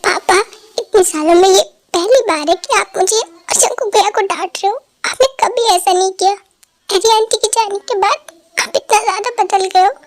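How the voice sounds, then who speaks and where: A woman voicing an anxious teenage daughter in a fan dub, very high voice. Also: normal speed, no echo, faint music behind. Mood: plaintive. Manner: plaintive.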